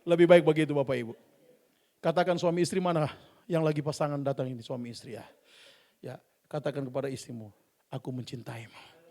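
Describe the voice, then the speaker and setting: A male pastor preaching a sermon in a playful, animated way and speaking straight to the congregation in a church. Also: on the high side, fast, pauses often.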